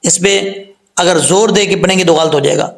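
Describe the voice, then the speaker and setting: Patient high-voiced tajweed teacher, Urdu accent. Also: male voice, creaky, roomy sound, rough recording. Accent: Pakistani Urdu. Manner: patient, explains step by step and repeats sounds slowly. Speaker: Quran recitation teacher. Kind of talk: spoken tajweed lesson with drawn-out letter recitation.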